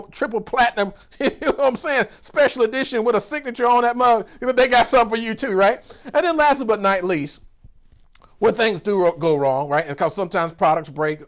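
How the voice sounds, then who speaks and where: Georgia guy in his 50s, high voice, fired-up business keynote, preachy, keeps going right? right?. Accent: Southern US (Georgia). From Georgia, USA. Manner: exuberant, preacher-like, with whoops and a constant "right?" tag. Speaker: business coach, keynote speaker. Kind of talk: motivational keynote speech.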